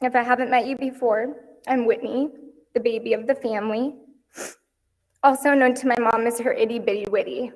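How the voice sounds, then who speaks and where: Young woman, higher voice, earnest eulogy reading in a reverberant hall. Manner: earnest and heartfelt, softening on lists. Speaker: eulogy speaker. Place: memorial service hall.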